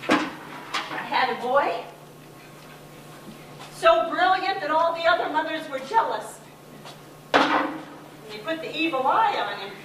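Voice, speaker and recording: A confused mother rambles on in a high, lively voice that swoops up and down, as an actress plays her. She is heard from far across a very echoey stage, with faint hiss behind. She talks in a flustered, scattered way. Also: slow pace, pauses often. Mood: wistful. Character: confused older mother, fixated on cleaning, rambling.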